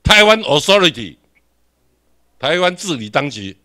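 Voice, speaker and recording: A man's voice: on the high side, very animated, measured pace, sharp tone. A man with a Taiwanese accent giving a classroom lecture, questioning the audience and repeating his points.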